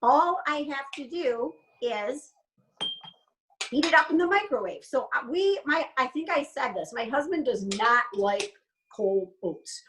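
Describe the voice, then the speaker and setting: Cooking-class host, woman, chatty and explanatory, higher voice, mic at a distance. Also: expressive, a little slow, a bit bright, a little hiss or hum. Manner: chatty, explains as she goes. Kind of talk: casual cooking demonstration.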